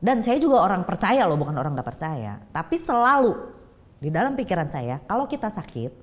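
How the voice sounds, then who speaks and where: A middle-aged woman giving an emotional personal testimony as a talk show guest, telling her story with lively, acted-out storytelling. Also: mid-range voice, a little fast. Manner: lively storytelling, acting out quoted voices.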